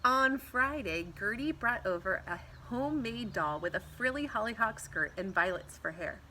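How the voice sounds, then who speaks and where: Her voice fairly high, pushed and bright, a middle-aged American teacher reads a picture book expressively at a moderate pace to pupils on a backyard patio. She lingers on words and adds asides for young listeners. A camera a few feet away records faint outdoor background noise.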